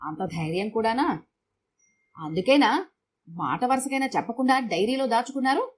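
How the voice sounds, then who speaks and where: A woman voicing a sharp-tongued middle-aged housewife who scolds curtly. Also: a little high, expressive, moderate pace, a little hiss or hum, lightly acted. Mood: scolding. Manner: scolding, curt.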